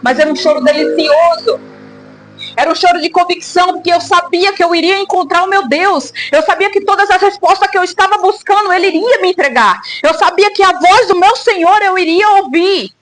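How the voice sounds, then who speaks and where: A woman's voice: very high voice, brisk, a bit bright. A woman preacher giving an emotional personal testimony, fervent and repeating phrases for emphasis.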